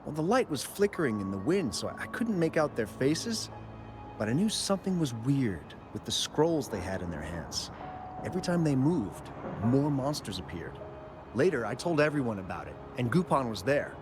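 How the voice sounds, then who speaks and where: This is game cutscene dialogue: an actor portrays an anxious, talkative young miner telling what he witnessed, with music beneath. His medium-pitched voice sounds natural but swings widely in pitch. He turns jumpy, except when he slows to describe the monsters.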